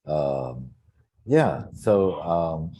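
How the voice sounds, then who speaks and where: A man in his sixties from Singapore, a retired coach reflecting in an interview with many soft fillers. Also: very deep voice, expressive, very slow, husky. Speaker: guest coach. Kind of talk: relaxed interview conversation.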